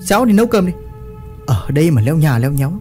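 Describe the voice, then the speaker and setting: A man's voice: mid-range voice, unhurried, darkish tone, soft background music, close to an everyday voice. A man voicing a coarse, hot-tempered old village husband who talks bluntly and threatens. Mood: angry threatening.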